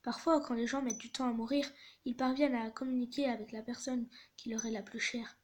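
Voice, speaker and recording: Woman reading a gentle, ominous train conductor; calm, soft-spoken, high-pitched. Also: fairly quick, slight background noise, lightly acted. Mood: gently grave.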